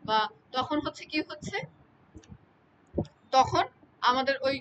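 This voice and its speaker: Woman lecturer, high-pitched, patient, repeats examples, checks in often, light hiss behind. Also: slow pace, a bit bright, muffled recording. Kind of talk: exam-prep lecture.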